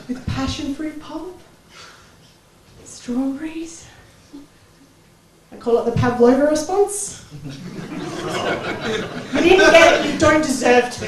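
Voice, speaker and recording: A young Australian woman performing a stand-up comedy set, chatty and self-mocking, breaking into loud giddy bits. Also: sits high, noisy background. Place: small comedy club stage. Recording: echoey club recording from far off.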